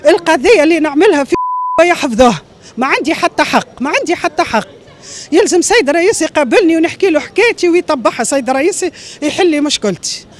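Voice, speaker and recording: A woman's voice: high voice, animated, quick pace. A middle-aged woman with a Tunisian accent, speaking in an agitated, pleading, emphatic way in a street interview. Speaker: interviewee airing a grievance. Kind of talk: street interview, impassioned complaint. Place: outdoors on a busy city street. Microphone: handheld reporter microphone.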